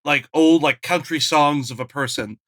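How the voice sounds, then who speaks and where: Bright-voiced enthusiastic man. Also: fairly high pitch, normal speed, dry recording. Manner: enthusiastic, laughs often. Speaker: podcast co-host. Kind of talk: casual chat.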